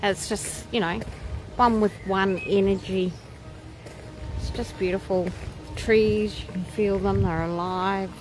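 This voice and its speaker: Out on a wooded walking trail, a woman vlogger leads a nature walk with casual, musing live commentary and exclamations of wonder. Her medium-pitched voice is steady and slow, heard over music in poor audio, with outdoor ambient noise and birdsong all around.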